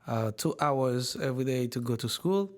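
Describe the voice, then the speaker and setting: A Haitian university president recounts his life story in an interview, speaking slowly and deliberately with frequent pauses and repeated words. His voice is mid-range with lively intonation.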